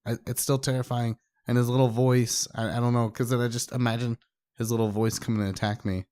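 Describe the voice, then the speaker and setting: A man's voice: mid-range voice, level tone, brisk, warm tone, dry recording. A man co-hosting a podcast in casual chat, sheepish and self-deprecating. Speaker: podcast co-host.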